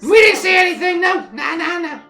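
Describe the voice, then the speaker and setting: A woman voicing a tipsy, excitable halfling who sells wine, in a squeaky, loud, exclaiming voice. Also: fairly quick, exaggerated voice. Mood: boisterous.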